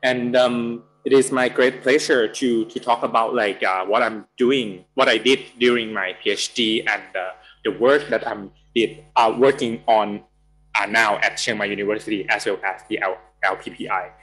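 A man in his thirties from Thailand, with a Thai accent, giving a university guest lecture over a video call, halting and full of fillers. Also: on the low side, steady tone, fairly bright tone, low-quality recording. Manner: halting, many fillers and restarts. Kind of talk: academic lecture.

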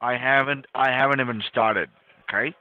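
A man's voice: mid-range voice, steady tone, normal speed, no room sound, phone-quality sound. A man posing as customer support, talking over a phone on speaker in a brusque, insulting, domineering way. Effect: heard through a phone on speaker.

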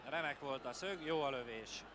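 A man giving excited live Hungarian football commentary, calling player names in clipped phrases and swinging into exclamations. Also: medium pitch. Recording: noisy vintage TV broadcast from stadium. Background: stadium ambience.

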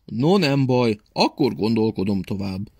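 A man voicing a kindly old male watchmaker with a deep, friendly voice in a children's story. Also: animated, husky, no room sound, studio quality. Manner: friendly, gentle.

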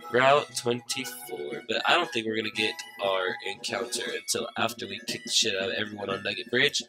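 A gaming YouTuber, a young man with a slightly stuffed-up, nasal voice on the low side, plays a game while giving loose, profane, joking Let's Play commentary to viewers. His tone is steady and his pace brisk. The low-quality recording comes from a small room lit by a side window, with game music underneath.

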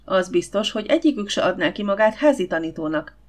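A woman's voice: medium pitch, expressive, close to an everyday voice. A woman voicing a bossy, outspoken older housekeeper in an audiobook, talking bluntly and grumbling.

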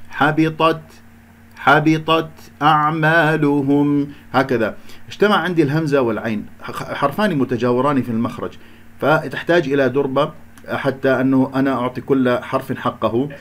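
A man teaching Quran recitation, explaining each letter and recitation rule and drawing out slow chanted examples, with an Iraqi accent. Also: medium pitch.

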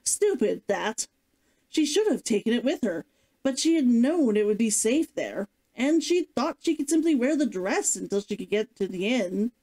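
A woman with a slightly high, dark-toned, sing-song voice narrates a novel at normal speed, reading it expressively and dramatically as a streamer. The scripted storybook narration sounds much like an audiobook.

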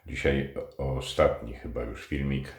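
A man's voice: extremely low pitch, fairly even intonation, a little slow. A Polish man chatting casually as he demonstrates for a hobby vlog, talking with a pipe clenched in his teeth. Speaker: hobby vlogger demonstrating straight razor shaving. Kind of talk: casual instructional chat. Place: small tiled bathroom, indoors. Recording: echoey room.

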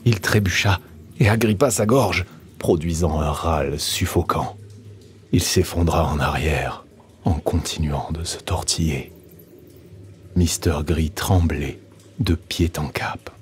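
Male narrator, very deep voice, steady, measured, slight background hiss. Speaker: audiobook narrator. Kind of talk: scripted audiobook narration.

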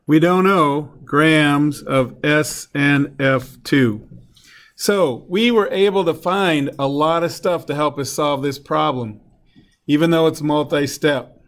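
In a classroom chemistry lecture, a man speaks slowly with a fairly high, somewhat bright voice. Step by step he solves a problem, putting questions to the students as he goes.

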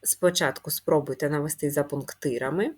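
This primary school teacher has a low-pitched voice with a breathy edge. In her slow first-grade handwriting lesson, she drags out her words patiently, spells things clearly, and answers the questions she asks.

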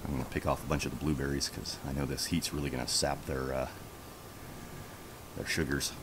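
Outdoors with a handheld camera, a homestead vlogger gives a casual walking tour of his backyard garden, chatty and relaxed as he points things out. He has a bass voice, talks briskly, and there's background noise.

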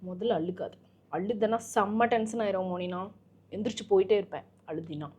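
A woman's voice: mid-range voice, moderate pace, darkish tone, slightly rough. A woman vlogger in playful role-swap banter with her partner, teasing and laughing as she talks. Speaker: couple vlogger.

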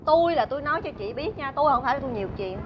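An actress playing a nosy, gossiping neighbor woman in a stage comedy sketch, talking quickly and indignantly. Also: high voice, animated, lo-fi sound, a little hiss or hum. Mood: gossipy.

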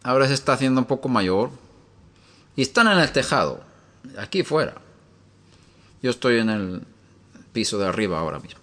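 A man's voice: medium pitch, big pitch swings, normal speed, long pauses, pushed and bright. A man preaching in a teaching style from a room upstairs in his home. He asks many rhetorical questions and tells homely stories.

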